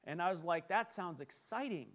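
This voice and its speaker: A middle-aged man preaching a sermon, animated and self-deprecating as he tells personal stories. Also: high voice, moderate pace. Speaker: pastor.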